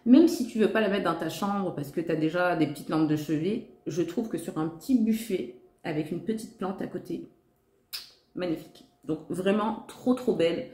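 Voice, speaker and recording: A woman speaks at a normal speed in a fairly low, mellow voice, addressing her viewers in a casual haul video. Enthusiastic to the point of gushing, she keeps saying "trop" and "magnifique." The recording has room echo.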